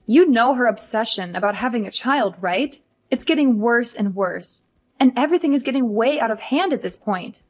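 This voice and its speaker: A woman's voice: on the high side, expressive, normal speed. A woman voicing a frustrated young career wife who pleads and complains about her mother-in-law. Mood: exasperated. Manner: pleading, exasperated. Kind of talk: animated story voice acting.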